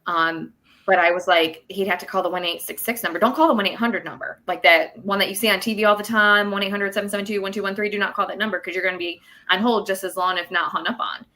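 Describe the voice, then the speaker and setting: Pushed and bright, a woman's mid-range voice moves at a quick pace with fairly even intonation. She's a work incentives coordinator guesting on a podcast, explaining benefit rules at length in a relaxed, chatty manner with many fillers.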